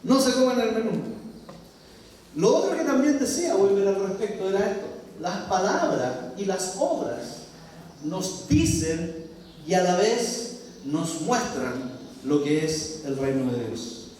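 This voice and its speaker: A man's voice: high voice, big pitch swings, unhurried, a little mellow. A man preaching a sermon as pastor, earnestly reading scripture and asking the congregation questions. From Chile. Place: church hall. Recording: echoey church hall, mic far off, faint noise.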